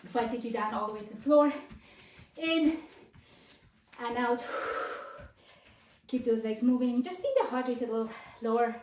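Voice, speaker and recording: Leading a live workout class, a fitness instructor encourages her group with short commands and counts. Her a-little-high, slightly mellow voice keeps a moderate pace and pauses often. There is slight background noise, and the distant mic adds a roomy echo.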